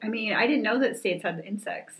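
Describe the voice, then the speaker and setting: A woman's voice: medium pitch, fairly quick. A woman co-hosting a travel podcast, chatting playfully and laughing often in a coworking space. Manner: giggly, playful. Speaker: podcast co-host. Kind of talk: casual podcast chat.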